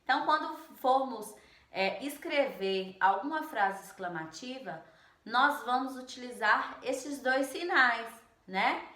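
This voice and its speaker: A woman teaches a Spanish lesson in her native Portuguese, explaining step by step and often checking in with a quick "né?". Her voice sits a little high and sounds bright and crisp. The recording picks up the echo of the room around her. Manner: explanatory, frequent "né?" tag questions. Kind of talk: online language lesson.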